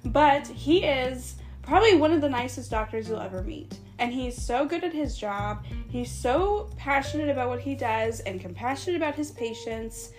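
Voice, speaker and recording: A woman's voice: high-pitched, animated, moderate pace, few pauses, darkish tone, soft background music. A woman co-hosting a casual podcast chat, telling work stories and laughing often. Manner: laughs often, storytelling with quoted voices. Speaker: podcast co-host.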